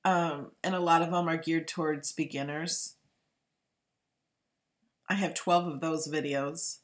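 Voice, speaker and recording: A woman's voice: sits low, fairly even intonation, a little slow. Woman chatting casually on a live stream. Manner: chatty, informal, thinking aloud. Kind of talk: casual live-stream chat, replying to viewer comments.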